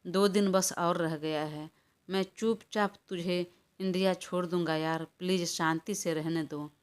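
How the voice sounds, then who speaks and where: A woman's voice: on the low side, steady tone, measured pace, smooth, natural voice. A woman voicing a tired, irritated young man who pleads to be left alone, in a storybook reading. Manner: weary, pleading.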